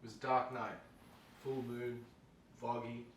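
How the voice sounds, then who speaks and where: A man's voice: mid-range voice, level tone, measured pace, distant mic, close to an everyday voice. A man playing a casual, slangy guy telling a spooky tale to friends at an amateur script table read. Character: casual male storyteller spinning a spooky cemetery tale to friends. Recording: roomy, off-mic, faint noise.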